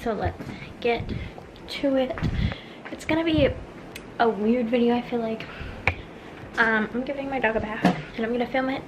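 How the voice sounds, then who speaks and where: A woman's voice: fairly high pitch, normal speed, long pauses, dull audio, background noise. A woman vlogger talking casually to her viewers in an informal home video. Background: music.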